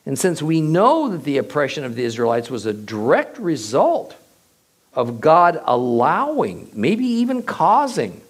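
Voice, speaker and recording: A man giving a verse-by-verse Bible teaching, reading the passage aloud and then explaining it with emphatic, drawn-out phrasing. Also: a little high, breathy edge. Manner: expressive, emphatic delivery with drawn-out pauses.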